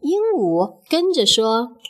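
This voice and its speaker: Woman reading a kids story, slow and sing-songy, kinda high. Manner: expressive, measured storytelling. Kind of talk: children's story narration.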